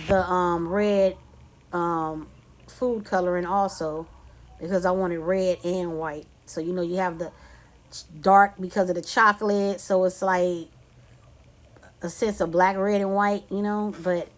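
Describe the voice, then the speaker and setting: A woman from California giving a casual cooking tutorial, chatty and loose, addressing viewers as "y'all" and "you guys". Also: lowish voice. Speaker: cooking vlogger.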